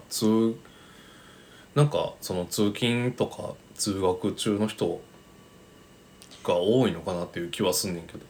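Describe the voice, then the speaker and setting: A man in his thirties with a Kansai accent, co-hosting a casual, unhurried podcast chat and often searching for his words. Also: fairly low pitch. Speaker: podcast co-host. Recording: steady faint background noise.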